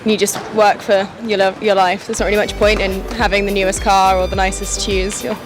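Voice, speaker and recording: A woman's voice: medium pitch, little pitch movement, a little fast, music in the background, poor audio. A woman giving an earnest, opinionated answer in a street interview. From London. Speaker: passer-by.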